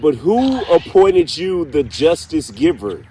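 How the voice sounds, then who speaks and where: A man hosting a paranormal session, speaking deliberately with pauses as he puts direct questions to an unseen spirit. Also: on the high side, big pitch swings, dark tone, husky. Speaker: paranormal investigator, host. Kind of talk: slow spoken questioning in a spirit box session.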